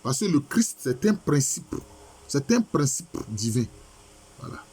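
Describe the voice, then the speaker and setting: A man's voice: mid-range voice, sing-song, measured pace, warm tone, slightly rough. A man, a professor, reading passages aloud and explaining them in a lecture, often asking and answering his own questions. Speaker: professor lecturing on Egyptian texts. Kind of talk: lecture with text commentary.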